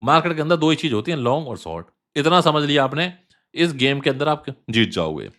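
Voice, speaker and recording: A man hosting a crypto trading channel, talking casually through chart analysis, repeating phrases for emphasis and filling pauses with fillers. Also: on the high side, big pitch swings, fairly bright tone.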